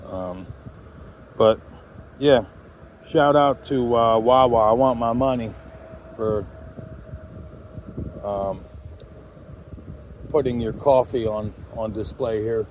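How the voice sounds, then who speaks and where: A man's voice: medium pitch, slow pace, pauses often, a little mellow, a little hiss or hum. A man chatting casually to viewers as a hobbyist vlogger, in a rambling, jokey way. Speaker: amateur radio hobbyist vlogger.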